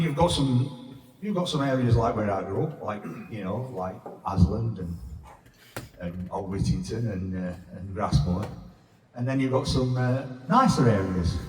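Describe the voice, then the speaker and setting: Sweary Sheffield man in his fifties. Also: medium pitch. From England. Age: 50s. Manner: blunt, sweary, rambling storytelling. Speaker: stand-up comedian. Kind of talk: stand-up comedy set. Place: pub function room. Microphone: stage mic with reverb. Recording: echoey reverb room from far off.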